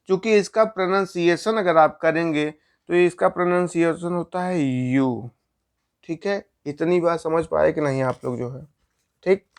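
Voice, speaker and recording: A man's voice: sits high, clear, resonant tone. A man teaching a grammar lesson, explaining step by step and asking questions he answers himself.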